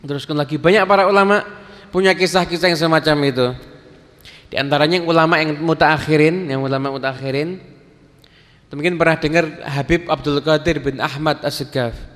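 A man preaching a sermon, telling stories in a relaxed way and acting out the dialogue. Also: on the high side, a little fast. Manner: casual Javanese-flavoured Indonesian, acts out quoted dialogue. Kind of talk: sermon storytelling. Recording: long reverb of a hall.

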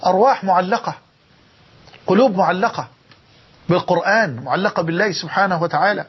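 Preaching in an Egyptian Arabic accent, this man has a high, slightly rough voice and a fairly quick pace, telling emotional stories and returning repeatedly to key phrases. The audio is dull and lo-fi.

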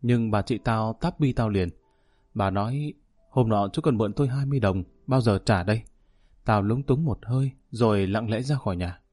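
A man voicing a sad young runaway son who quietly tells of his hardships in an audiobook story. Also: on the low side, normal speed, no room sound, studio quality, natural voice.

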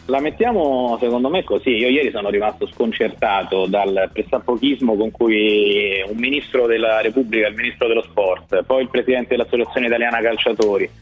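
A man's voice: lowish voice, brisk, hardly any pauses, faint music behind. A man, a sports journalist, giving his opinion as a guest on a radio programme. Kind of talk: spoken opinion commentary. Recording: husky, dull lo-fi remote line.

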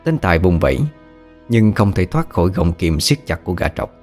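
A man narrating a first-person audio story in a steady storytelling manner. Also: deep voice, normal speed, faint music behind.

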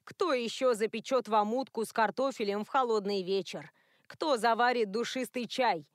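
A woman's voice: fairly high pitch, normal speed, dry recording, studio quality, lightly acted. A woman reading the part of a bossy, caring older secretary who scolds and teases. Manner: scolding, teasing.

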